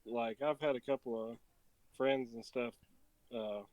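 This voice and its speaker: A man's voice: medium pitch, fairly even intonation, unhurried, a little mellow, no echo, low-quality recording. A man in a casual interview chat, talking in an easygoing, rambling way. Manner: easygoing, rambling, with many restarts and fillers.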